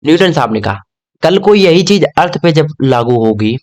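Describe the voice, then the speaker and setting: A man's voice: fairly high pitch, animated, normal speed, darkish tone. A young man teaching an exam-prep lesson in a casual, chatty way, often checking in with "okay?". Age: young adult.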